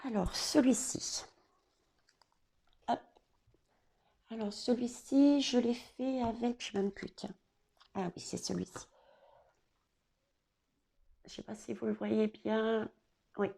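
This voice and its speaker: Slow, gravelly woman reading cards. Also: a little high, dark tone. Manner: hesitant, many fillers and restarts, addresses viewers directly. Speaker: oracle card reader. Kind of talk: casual spoken card reading.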